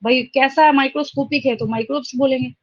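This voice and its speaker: A woman teaching a classroom lecture, explaining step by step, dictating terms slowly, and checking that students follow. Her English terms carry an Indian accent. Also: high-pitched, fairly even intonation, no echo, muffled recording. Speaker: biology teacher.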